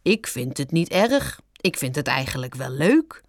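A bashful, friendly little skunk from a storybook, with a lowered, modest voice, as a woman puts him on. He speaks slowly, and the sound is dry and close. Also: sing-song, no room sound, exaggerated voice. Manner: low and bashful. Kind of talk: storybook reading.

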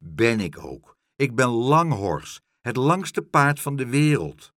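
A man's voice: mid-range voice, sing-song, takes it slowly, fairly bright tone, no room sound, studio quality. A man voicing a long, grumpy male talking horse in a children's storybook, sorrowful and bossy by turns. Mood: proud. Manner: sorrowful, then impatient and bossy. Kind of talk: storybook reading.

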